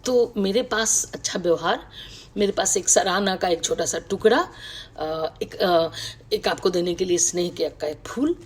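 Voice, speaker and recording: A middle-aged woman, a writer, recalling her past in a reflective, personal talk on a video call, with many pauses and fillers. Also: on the low side, expressive, breathy edge. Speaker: writer speaking to an online audience. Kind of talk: personal reminiscence, casual talk.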